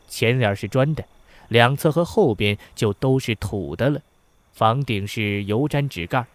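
A man narrating a novel in a measured, somber storytelling manner. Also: medium pitch, dry recording. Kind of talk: audiobook narration.

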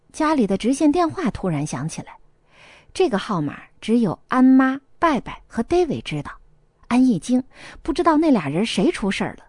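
Lively woman narrating a novel. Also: on the high side, no echo, clean studio sound. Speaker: audiobook narrator.

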